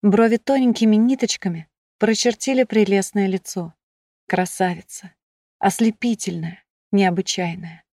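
A woman reading an audiobook in a slow, measured, expressive way. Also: medium pitch, no echo, studio quality. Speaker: narrator. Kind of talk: audiobook narration.

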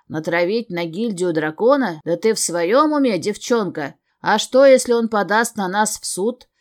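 A woman voicing a gruff old male guild master who shouts and threatens. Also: mid-range voice, expressive, normal speed, lightly acted. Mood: shouting. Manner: shouting, menacing. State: short of breath.

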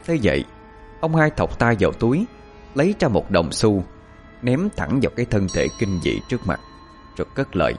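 A man reads a scripted horror tale with a low voice that rises and falls expressively. Soft music plays faintly beneath. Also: moderate pace. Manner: expressive, suspenseful. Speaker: storyteller.

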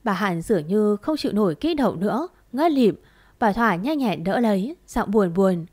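A woman narrating a dramatic story in a steady, expressive reading voice. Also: mid-range voice, normal speed.

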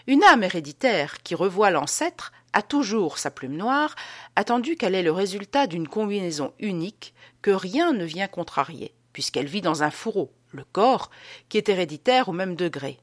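A pompous gentleman lecturing his friends, stressing each point and pausing for rhetorical questions, read by a woman narrator. The voice sits fairly low and swings widely in pitch. The recording is dry and close. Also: very animated, no room sound. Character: pompous man lecturing on souls.

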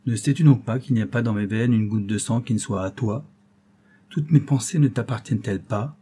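A male audiobook reader voicing an anxious, wealthy old banker who speaks gravely and protectively to his daughter. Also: medium pitch, moderate pace, dark tone, close to an everyday voice. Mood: tender.

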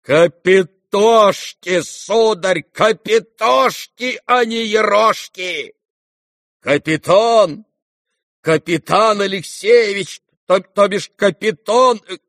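A man voicing a blustering old retired general who shouts and sputters in an audiobook reading. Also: high voice, no echo, clean studio sound, voice pushed up. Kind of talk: audiobook character voice.

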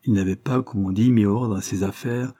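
Man, audiobook narrator, measured reading, low voice, husky. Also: steady tone, warm tone. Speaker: audiobook reader. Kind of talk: scripted narration.

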